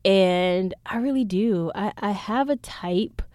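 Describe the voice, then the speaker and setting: A woman's voice: medium pitch, slow, a little mellow, no room sound, clean studio sound. A woman in her twenties hosting a podcast, telling a story in a casual, blunt and profane way. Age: 20s. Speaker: podcast host. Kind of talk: casual chat.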